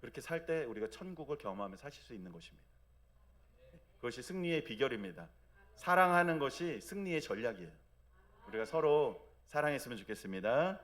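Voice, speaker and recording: Korean pastor preaching a casual sermon. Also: male voice, animated, fairly quick. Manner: conversational, asks the congregation for agreement; acts out God's gentle speech in a soft low voice. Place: church sanctuary.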